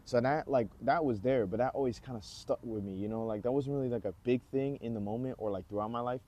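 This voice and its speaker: A fast-talking vlogger in his 20s with a mid-range voice gives a rambling self-introduction outside, rain nearby. He keeps it relaxed and stuffs it with fillers.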